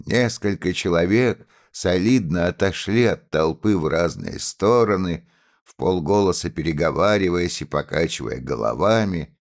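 A man reading a literary story aloud in slow, measured narration. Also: deep voice, expressive. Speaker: audiobook reader.

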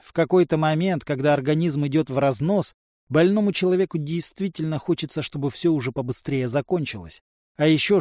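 A man's voice: darkish tone, no room sound, studio quality. A man narrating an audiobook, lifting his voice for the characters' dialogue. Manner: voices characters by raising pitch. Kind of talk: scripted narration.

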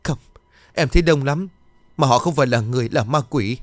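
A man's voice: medium pitch, expressive, moderate pace, slightly rough, no echo, faint music behind. A man voicing a grieving young mother who wails and pleads, frantic and vengeful. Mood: frantic, wailing. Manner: pleading and wailing.

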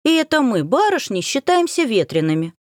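A woman voicing a headstrong, teasing young girl in a high, girlish voice, in an audiobook read by one narrator. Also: very animated, fairly quick, dry recording, clean studio sound. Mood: pert. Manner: pert and spirited, with sudden exclaims.

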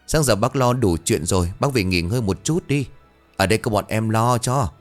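A man's voice: fairly low pitch, moderate pace, soft background music, natural voice. A man voicing a worried villager at a funeral who urgently insists someone go rest.

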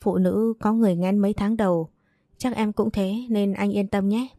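A woman voicing a polite, gentle young pregnant wife in a read-aloud storybook. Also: mid-range voice, steady tone, normal speed, dry recording, studio quality, natural voice. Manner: polite, soft-spoken.

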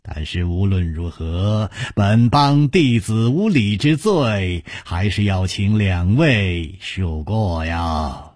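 Man voicing an authoritative young sect leader, deliberate and husky. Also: deep voice, animated, darkish tone, no echo, studio quality, voice pushed down, full character voice. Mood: courteous. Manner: measured, commanding, slow and weighty. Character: stern young male leader of a beggars' sect.

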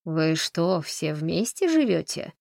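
A man's voice: a little high, very animated, slow pace, vocal fry, a little mellow, dry recording, clean studio sound, full character voice. A woman narrating an audiobook, voicing a polite, curious elderly male professor. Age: older.

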